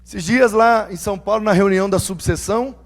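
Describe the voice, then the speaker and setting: Middle-aged man, pastor, very high voice; lively sermon storyteller who plays every character in his anecdotes. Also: a little fast. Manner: animated, acts out quoted dialogue in voices; humorous, self-mocking.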